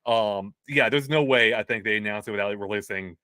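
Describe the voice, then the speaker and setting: A male guest on a casual gaming chat show speaks in a lowish, bright, forceful, smooth voice, recorded cleanly in a studio with no echo. He explains his points quickly and lays out release history with precise dates.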